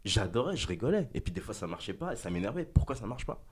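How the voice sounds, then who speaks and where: A man who is a stage director and former dancer, explaining his craft in a lively, emphatic way in a casual chat. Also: lowish voice, fast, breathy edge.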